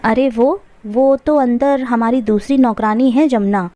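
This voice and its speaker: A woman's voice: a little high, measured pace, warm tone, dry recording, close to an everyday voice. Woman playing a bossy scornful daughter-in-law. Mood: evasive. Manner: bossy, scolding.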